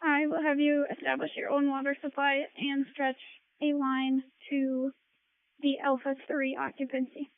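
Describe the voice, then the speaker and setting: A woman's voice: high-pitched, completely flat delivery, normal speed, dry recording. A woman fire officer giving clipped, procedural incident command reports over a two-way radio. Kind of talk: firefighter radio dispatch traffic. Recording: tinny narrowband two-way radio.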